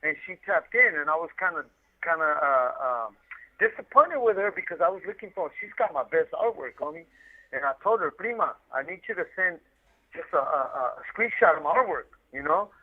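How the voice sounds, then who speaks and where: Calling collect from prison, this talkative man has a voice on the high side with lively intonation and a brisk pace. The line is muffled and tinny, and his casual, slangy stories ramble with frequent repetition.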